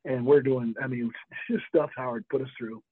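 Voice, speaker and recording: A man's voice: mid-range voice, steady tone, a little fast, no room sound. Older man on a tinny phone line. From Florida. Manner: rambling anecdotes with restarts, emphatic, laughs often. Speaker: former college football player, guest. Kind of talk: interview storytelling.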